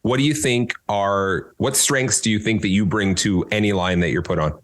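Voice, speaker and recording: A man hosting a podcast interview, asking questions in an upbeat, lively way. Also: fairly low pitch, moderate pace. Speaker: podcast host.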